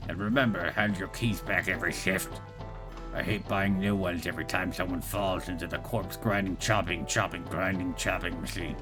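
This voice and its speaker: Man playing a deep-voiced callous plant supervisor. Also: close to an everyday voice. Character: callous, businesslike male supervisor at grisly food plant. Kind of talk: reading game dialogue aloud.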